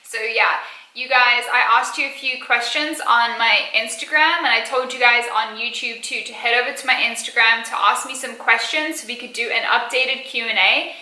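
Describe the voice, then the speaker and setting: Her voice is fairly high and sharp at a normal speed: a South African beauty and lifestyle YouTuber in her early twenties with a mild Australian accent from being raised partly in Australia. She casually fields viewer questions, full of fillers and little giggles. The poor audio is reverberant.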